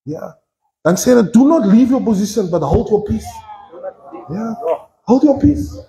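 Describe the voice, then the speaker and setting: A South African man preaching a sermon in a church, playful and animated, mixing English and Afrikaans. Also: high voice, normal speed, reverberant, poor audio. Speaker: pastor.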